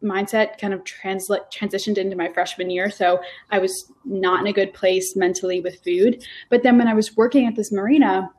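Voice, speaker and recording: In a brisk, steady, somewhat dark medium-pitched voice, a young Rhode Island woman in her early twenties shares her story during a casual interview. She rambles, using lots of fillers and restarting her sentences.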